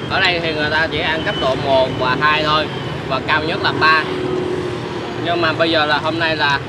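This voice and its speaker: A man's voice: fairly even intonation, normal speed. A man in his thirties hosting a casual food vlog outdoors, talking to camera as he eats, his mouth burning from spicy food. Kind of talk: casual talk to camera while eating. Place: crowded outdoor street food tables. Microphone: camera a short distance away. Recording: loud street noise, traffic rumble.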